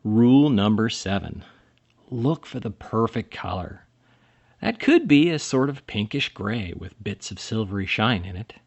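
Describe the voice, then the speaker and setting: Animated man reading a children's storybook. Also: lowish voice, gravelly, husky, muffled recording. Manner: dramatic pauses and emphasis for children. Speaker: storybook reader. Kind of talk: expressive children's picture-book read-aloud.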